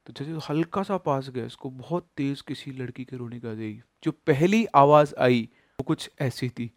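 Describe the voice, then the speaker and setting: A man from Rajasthan telling a ghost story in a dramatic, animated way, speaking straight to the listeners. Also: medium pitch, normal speed, dry recording, clean studio sound. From Rajasthan, India. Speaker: storyteller host. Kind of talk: spooky storytelling.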